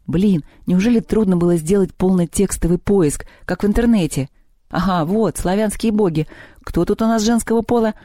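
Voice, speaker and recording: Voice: mid-range voice, moderate pace, dark tone, no room sound, studio quality, pitched above the performer's own voice, natural voice. A storyteller voicing a fussy schoolboy who mutters irritably while searching a book. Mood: muttering.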